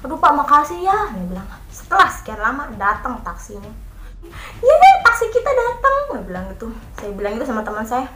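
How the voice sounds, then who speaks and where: A woman's voice: high-pitched, a little fast, background noise. A young woman from Lombok, Indonesia, casually telling a story to her vlog audience and acting out the voices of the people in it. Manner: animated, acts out quoted voices. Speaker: vlogger. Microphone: phone camera. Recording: echoey room.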